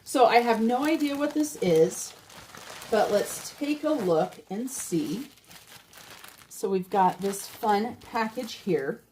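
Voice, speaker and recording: A woman's voice: on the high side, expressive, slow pace, a little mellow, slight background noise. An older woman chatting casually as a vlogger, heartfelt and talking straight to her viewers. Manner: chatty and heartfelt, addresses viewers as you guys. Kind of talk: casual chat.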